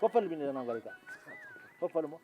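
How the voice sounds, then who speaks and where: An actor in a sitcom, playing a blustering, animated man. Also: a little high, very fast, narrow, tinny audio, loud music behind the voice. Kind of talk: sitcom acting.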